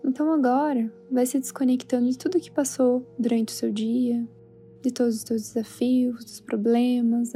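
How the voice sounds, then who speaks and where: A Brazilian woman guiding a sleep meditation in a soothing, hushed, spa-like manner. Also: a little high. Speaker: meditation guide. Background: soft background music.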